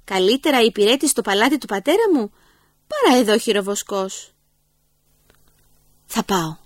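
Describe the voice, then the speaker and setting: Woman doing a weeping repentant young man, higher voice, dry close sound, storybook telling. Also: very animated, dry recording. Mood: resolved. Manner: tearful, pleading self-reproach. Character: remorseful starving young prodigal son.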